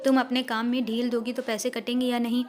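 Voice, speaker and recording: A woman reading the part of a stern middle-aged householder who scolds and lectures his governess, in a steady, even reading voice. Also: fairly high pitch, fairly quick, natural voice.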